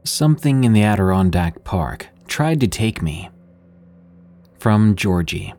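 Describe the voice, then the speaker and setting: A man's voice: fairly low pitch, expressive, measured pace, dark tone. A man hosting and narrating scripted scary stories in an ominous late-night radio manner, with music behind him. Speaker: host and narrator. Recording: music under the voice.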